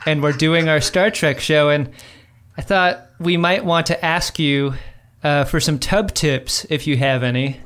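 A man hosting a podcast in casual chat, speaking into a boom microphone. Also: a little slow, a bit bright, smooth. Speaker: podcast host. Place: bathtub in a home bathroom.

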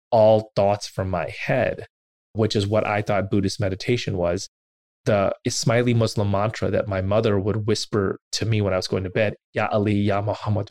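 A man hosting an interview, telling a personal story in an earnest, self-deprecating way, with animated quoted asides. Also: fairly low pitch, moderate pace, no room sound. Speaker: interviewer and podcast host.

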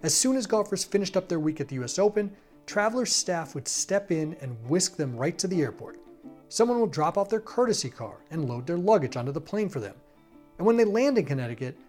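A man reporting a news feature in a measured, scripted narration. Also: fairly high pitch, a little mellow.

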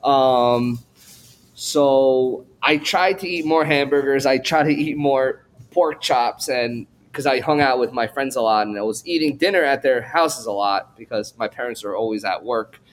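A man's voice: mid-range voice, unhurried. A man from Korea, raised in New York, talking as a chef guest on a podcast in a thoughtful, rambling way. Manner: thoughtful, rambling, many fillers and restarts. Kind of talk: casual interview.

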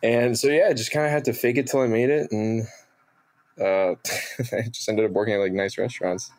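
A man in his twenties, a guest telling animated, self-mocking stories with many fillers over a video call. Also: lowish voice, moderate pace. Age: 20s. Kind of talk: casual interview storytelling.

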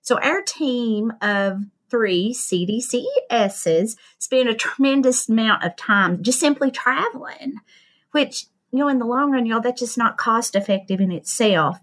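A woman's voice: a little high, animated, measured pace, fairly bright tone. A woman in her fifties with an Appalachian Kentucky accent, speaking as an interview guest about her work in a folksy, self-deprecating way. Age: 50s. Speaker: podcast guest, nurse and diabetes educator. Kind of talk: interview talk, telling of own work.

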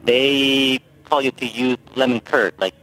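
A man calling in to a radio show over a buzzy, glitchy phone line that keeps breaking up, asking his question haltingly with ums. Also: mid-range voice, steady tone, fairly bright tone, no room sound. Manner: halting, searching for words with ums. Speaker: caller.

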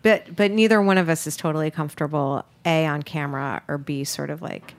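A woman's voice: deep voice, steady tone, fairly quick. A woman hosting a podcast interview, talking in a rambling, hesitant way with many restarts. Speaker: podcast host, food business owner. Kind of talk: casual interview chat.

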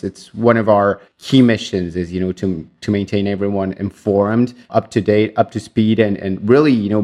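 Argentine man, friendly and low-pitched. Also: darkish tone. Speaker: guest, media executive. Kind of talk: interview conversation.

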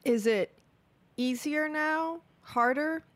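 A woman's voice: high-pitched, slow, no echo. A woman hosting a weekly radio talk show, chatty and joking, talking with her mouth full at times. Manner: chatty, jokey, talks while eating. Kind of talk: casual radio interview. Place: radio studio.

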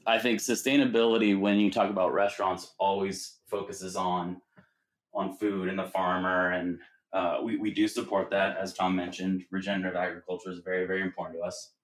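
Low-voiced earnest restaurant partner. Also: male voice, little pitch movement, fairly quick. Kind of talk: casual interview talk.

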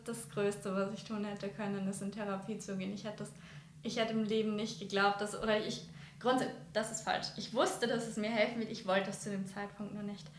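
A woman's voice: medium pitch, flat delivery, a little fast, echoey room, slight background noise. A woman speaking candidly and hesitantly about her own experience, often searching for words. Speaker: guest sharing a personal recovery story. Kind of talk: candid personal conversation.

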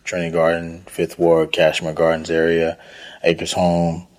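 A thirty-year-old chef and restaurant owner from northeast Houston, Texas, answers interview questions conversationally, hesitating and thinking aloud. His voice is low-pitched, monotone and unhurried.

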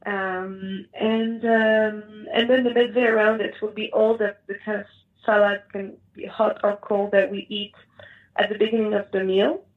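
A woman with a North African accent answering interview questions in a conversational, explanatory way, often pausing and repeating words as she thinks. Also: mid-range voice, little pitch movement. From Morocco. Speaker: interview guest, Moroccan food cook. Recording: thin, phone-like call audio.

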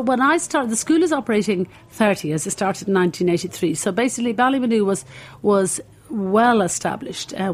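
An older woman with an Irish accent, a cookery school founder and guest, telling long stories in a rambling way with many fillers. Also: mid-range voice. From Ireland. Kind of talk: interview, telling a story.

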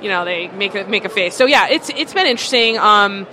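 A woman's voice: medium pitch, lively intonation, fairly quick, bright, forceful tone. A woman co-owner of a distillery talks loosely, full of fillers. Her voice sits mid-range. Market noise runs steadily behind her. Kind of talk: casual interview answers. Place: busy food market. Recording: noisy market background.

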